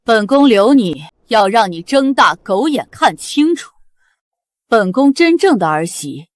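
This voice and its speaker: Furious, commanding and scornful, a woman plays the imperious divine queen mother of the gods in a costume drama, haughty and wrathful as the empress mother. Her fairly high voice is sing-song and unhurried, with a little hiss or hum in the background.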